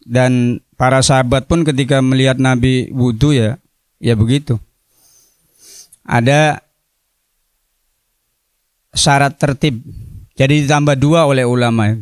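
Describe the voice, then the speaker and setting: Slow, smooth-voiced teacher. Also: male voice, medium pitch, fairly even intonation, no echo. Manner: explains word by word, drifts into playful asides on word meanings. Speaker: religious teacher at an Islamic boarding school. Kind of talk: classroom lecture explaining a religious text.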